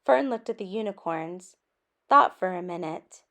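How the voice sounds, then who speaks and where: A woman with a lowish voice reads a picture-book story aloud a little slowly and expressively. She breaks off for animated asides to her young listeners.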